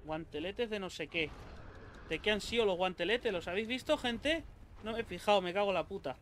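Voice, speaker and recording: A man from Spain with a Spanish accent, narrating his game as he plays, quick to swear and talk to his viewers. His voice sits high for a man. A faint background hum runs under it. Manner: excitable, swears a lot, talks to himself and viewers. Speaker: gaming YouTuber. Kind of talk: live gameplay commentary.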